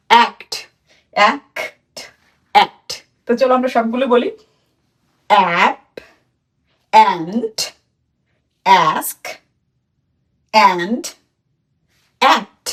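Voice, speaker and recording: A woman with a Bangladeshi Bengali accent teaches a children's phonics lesson. Her voice sits fairly high, and she repeats each sound slowly so the children can copy it. She is a little far from the mic.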